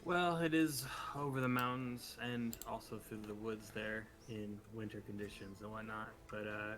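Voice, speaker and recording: A man weighs the options at a tabletop game in a measured, dryly humorous way. His voice is on the low side. Music plays clearly in the background. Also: fairly even intonation. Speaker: player.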